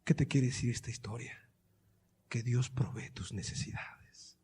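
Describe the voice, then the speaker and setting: A man preaching a sermon, moving between quiet, hushed teaching and loud, impassioned passages full of repeated rhetorical questions. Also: medium pitch, unhurried, in a whisper, in a large hall. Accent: Colombian Spanish.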